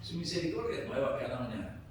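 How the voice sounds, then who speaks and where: A man's voice: mid-range voice, big pitch swings, quick pace, background noise. A pastor preaching a sermon to his congregation, building to emphatic peaks and repeating "brothers" again and again. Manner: preaching with rising emphasis, repeating "hermanos" often. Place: church sanctuary. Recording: very echoey church hall from a distance.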